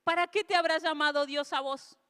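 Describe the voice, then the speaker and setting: Woman pastor preaching, super high voice, big echoey hall, gets fervent. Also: steady tone, brisk. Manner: earnest preaching that builds to emotional shouting. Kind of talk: sermon. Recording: long hall reverb.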